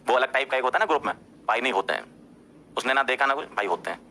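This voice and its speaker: A man's voice: rapid-fire, slight background noise. A man, a teacher, casually telling a story to his class, talking straight to his listeners and often checking in with them. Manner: animated, jumps up in pitch when insisting.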